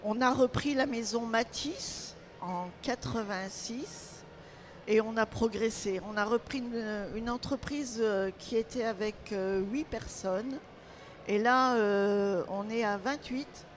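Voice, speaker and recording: An older woman from Lorraine speaks into a handheld mic about her bakery's recipes, with a slightly high voice and evident pride. She tells her stories warmly and in detail. A faint hum of the fair hangs behind her. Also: takes it slowly. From Lorraine, France. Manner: proud, storytelling about family recipes. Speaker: baker and caterer, retired owner. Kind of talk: casual interview at a trade fair. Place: trade fair stage, indoors.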